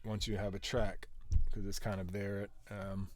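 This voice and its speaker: A man's voice: fairly low pitch, level tone, unhurried. A man casually walking through how he produced a song, rambling with lots of filler words and restarts. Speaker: music producer.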